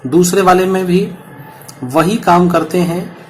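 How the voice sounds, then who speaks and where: A man's voice: sits high, steady tone, measured pace, a little mellow, a little hiss or hum. A man teaching a punctuation lesson to students, explaining patiently and repeating each example.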